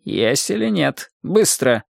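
A man's voice: mid-range voice, big pitch swings, takes it slowly, vocal fry, no echo, studio quality, voice pushed up, heavily acted. A man doing a murmuring, conspiratorial old fixer. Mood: urgent murmur. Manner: murmured, urgent asides.

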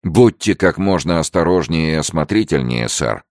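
A man with a very deep voice voicing a wary, stubborn ship's sailor who refuses firmly but respectfully in a story reading. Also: animated, moderate pace, no echo, studio quality. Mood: warning.

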